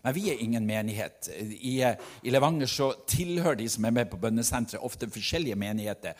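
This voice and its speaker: A preacher delivers a sermon in a husky, slightly breathy voice. He tells stories earnestly, rising in volume and then dropping to near-hushed tones. His pitch sits in a typical middle range for a man. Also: animated. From Norway. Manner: earnest storytelling, swings between loud and hushed.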